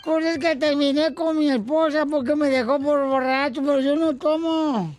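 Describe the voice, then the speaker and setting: A man's voice: very high-pitched, fairly even intonation, normal speed, darkish tone, soft background music. Man doing a weepy heartbroken Mexican guy. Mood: whiny. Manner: whiny, tearful comic storytelling. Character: weepy lovesick divorced man, self-pitying. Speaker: radio comedian.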